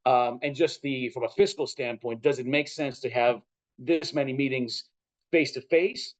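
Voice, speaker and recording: A man from Chile and Southern California, speaking with an American accent, appears as an interview guest; he is a travel editor and broadcaster. His mid-range voice moves at normal speed as he gives expansive, articulate, conversational answers. The recording is rough.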